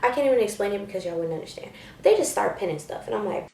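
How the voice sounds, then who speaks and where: A woman's voice: mid-range voice, very fast, creaky, reverberant, recorded from a distance, slight background noise. Slangy young woman telling a story. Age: young adult. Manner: animated, slangy, acts out quotes in a raised voice. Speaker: vlogger. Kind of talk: casual storytime.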